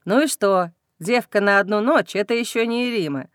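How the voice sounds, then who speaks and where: A woman's voice: mid-range voice, brisk, no room sound, clean studio sound, close to an everyday voice. A woman voicing a cold, indifferent male werewolf warrior in an audiobook. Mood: cool. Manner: calm, dismissive. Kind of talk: audiobook character reading.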